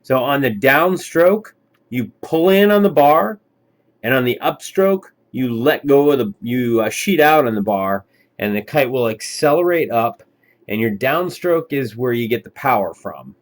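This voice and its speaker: A man kiteboarding instructor giving easygoing, encouraging commentary over lesson footage, pausing often with fillers. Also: mid-range voice, expressive, slight background noise.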